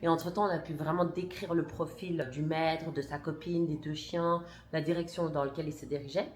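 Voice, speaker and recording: A woman with a fairly low voice tells her vlog audience a family story. She talks emphatically, full of indignation, with restarts and blunt words. Her voice carries a roomy echo. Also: steady tone, brisk. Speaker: family vlogger and mother. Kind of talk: casual storytelling to camera.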